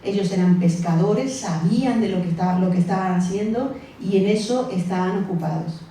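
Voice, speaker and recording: A woman's voice: medium pitch, a little fast, dark tone, recorded from a distance, a little hiss or hum. Woman preaching in an echoey church hall. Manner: conversational, acts out the disciples' voices, asks the congregation questions. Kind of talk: sermon.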